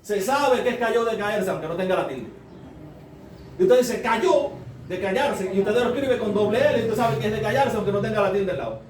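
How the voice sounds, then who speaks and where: A man's voice: high-pitched, lively intonation, moderate pace, crowd noise. A man preaching a sermon as a Bible study, explaining step by step and asking the congregation rhetorical questions. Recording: roomy, distant mic, faint noise.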